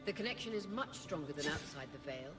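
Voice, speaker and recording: An actor playing a reassuring male guide in a video game, with a lively, lilting delivery. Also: on the high side, fast, loud music behind the voice, lightly acted. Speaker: game character.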